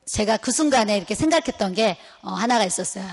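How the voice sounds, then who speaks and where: A woman's voice: medium pitch, lively intonation, fast, slightly rough. A middle-aged woman, a pastor's wife, giving a testimony sermon at a seminar, telling her story vividly and acting out the prayers and dialogue she quotes. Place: retreat center hall. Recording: long hall reverb.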